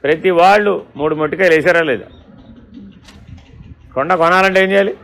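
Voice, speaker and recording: Male spiritual teacher, high-pitched and gravelly, questioning, storytelling discourse. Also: fairly quick, a bit bright. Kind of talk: Vedanta discourse.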